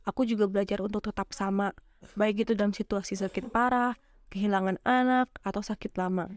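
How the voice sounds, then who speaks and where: A woman narrating an audiobook in a calm, measured reading style. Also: mid-range voice, no echo, studio quality.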